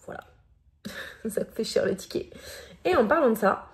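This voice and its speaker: A woman's voice: on the high side, expressive, a little slow. A woman in her thirties from France with a French accent, chatting casually in a vlog with many hesitations and fillers. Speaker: vlogger.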